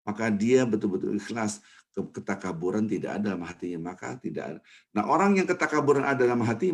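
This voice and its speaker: A man giving a morning mosque sermon as a preacher, lively and acting out little everyday scenes with mimicked voices. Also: on the low side. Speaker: ustadz, preacher.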